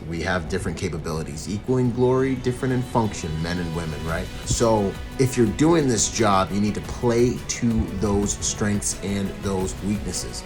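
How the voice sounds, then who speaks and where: A man giving casual, slangy video commentary and analysis as a protection professional, repeating points for emphasis. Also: low voice. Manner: slangy, informal, emphatic repetition.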